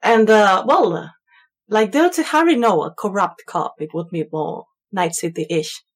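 A woman's voice: medium pitch, unhurried. A woman co-hosting a podcast in casual chat, wry and explanatory. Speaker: podcast co-host.

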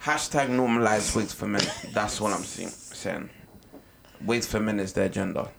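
A man's voice: lowish voice, normal speed, creaky. A young man with a London roadman accent in casual banter, slangy and fond of repeated slogans, recorded with some noise. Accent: London, urban roadman slang. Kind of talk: casual banter between friends.

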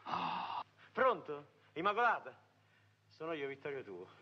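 An actor playing a pushy, blustering impostor posing as a priest, in a vintage film comedy with dull lo-fi sound. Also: male voice, on the high side, very animated, unhurried. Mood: insistent. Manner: insistent, blustering.

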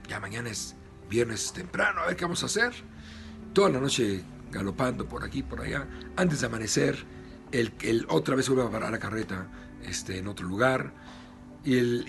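Un rabino con acento mexicano que narra una historia con animación y muchos "este". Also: male voice, medium pitch, gravelly. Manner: lively retelling with many "este" fillers. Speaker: rabbi. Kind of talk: storytelling.

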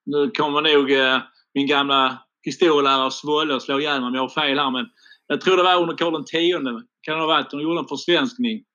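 A Scanian-accented man co-hosts a casual podcast, rambling on in a playfully indignant manner. His voice is bright and somewhat high, and the recording sounds a little dull and lo-fi. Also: steady tone. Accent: Scanian Swedish. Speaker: podcast co-host.

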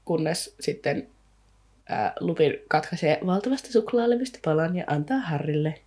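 A woman co-hosting a podcast in a relaxed, chatty way, speaking. She retells the plot in loose, rambling sentences full of fillers and now and then reads a passage aloud from the book. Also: deep voice. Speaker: podcast co-host. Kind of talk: casual book discussion with read-aloud passages.

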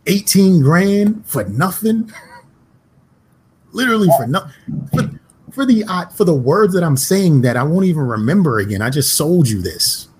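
A man co-hosting a casual chat, cracking dry jokes and quick punchlines. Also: on the high side, big pitch swings, a little mellow, slight background noise.

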